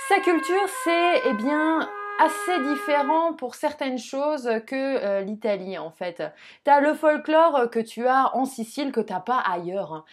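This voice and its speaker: A young woman teaching Italian in a relaxed video lesson. Her voice sits a little high, and she chats and jokes as she talks straight to the viewer. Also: unhurried, soft background music. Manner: chatty, jokey, addresses viewer directly.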